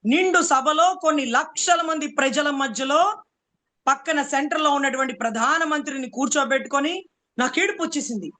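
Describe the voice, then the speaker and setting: A woman's voice: high-pitched, moderate pace, bright, forceful tone. A woman from Andhra Pradesh arguing hard in a political debate, sarcastic and full of rhetorical questions. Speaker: political commentator.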